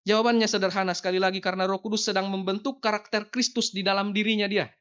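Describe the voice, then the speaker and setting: Preacher, male, young adult; high resonant voice, emphatic storytelling delivery, muffled church livestream sound. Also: flat delivery, fast, fairly bright tone, smooth. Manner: addresses the congregation often, anecdotal and emphatic. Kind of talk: sermon. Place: church sanctuary.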